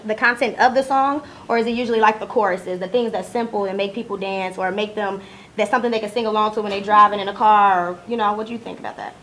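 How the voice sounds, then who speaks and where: A woman with a medium-pitched, slightly bright voice moderates a live panel discussion in front of an audience, speaking quickly with fairly even intonation. She is recorded from a distance in an echoey room, with faint noise.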